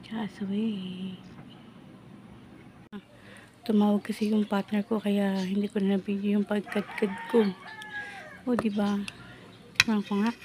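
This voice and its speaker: Speaking slowly and pausing often, a Filipino woman with little pitch movement in her medium voice chats with viewers as she prepares and eats food. Her speech sounds like that of someone missing upper front teeth, and her noisy home recording has roosters and chickens in the background.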